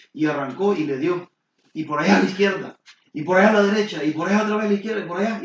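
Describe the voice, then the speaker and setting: A middle-aged man, preaching a sermon as pastor with lively storytelling and questions to the congregation. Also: on the high side. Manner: animated storytelling, sudden exclamations, rhetorical questions to the congregation. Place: church sanctuary. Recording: roomy hall, distant mic, dull and lo-fi.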